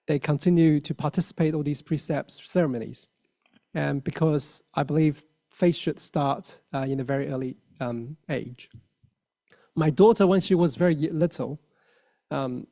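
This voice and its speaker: A man's voice: fairly high pitch, warm tone. Earnest man with a Mandarin accent. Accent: Mandarin Chinese. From China. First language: Mandarin Chinese. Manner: earnest, halting with many fillers and restarts. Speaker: lay Buddhist speaker. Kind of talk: dharma talk.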